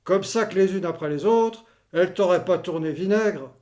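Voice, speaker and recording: A man's voice: high-pitched, moderate pace, a little mellow, natural voice. A man playing a grumbling, mocking old war veteran in a theatrical comedy, blustering in twisted colloquial slang.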